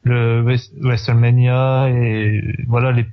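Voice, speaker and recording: A man answers in a hesitant, halting way on a podcast. His voice sits at a middle pitch. The sound is dull and lo-fi. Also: level tone. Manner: hesitant, halting, many restarts. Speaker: podcast guest. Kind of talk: casual podcast discussion.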